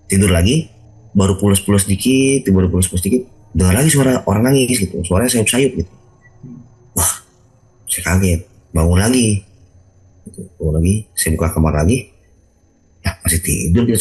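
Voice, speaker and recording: A man hosting a video call, casually telling his own ghost story in an animated way, acting out sounds with big jumps in his voice. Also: sits low, low-quality recording.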